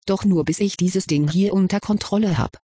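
A stubborn schoolboy wizard in a storybook, asking questions and defending himself with a wry touch, read by a narrator. The voice is slightly husky, close and dry. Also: mid-range voice, moderate pace, mellow, no echo, pitched above the performer's own voice, lightly acted. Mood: questioning, wry. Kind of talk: audiobook reading of fan fiction.

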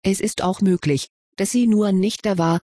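A calm old headmaster wizard from a storybook, as the reader puts him on. He answers in a measured, reasonable way. His voice is husky and dry. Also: mid-range voice, dry recording, lightly acted.

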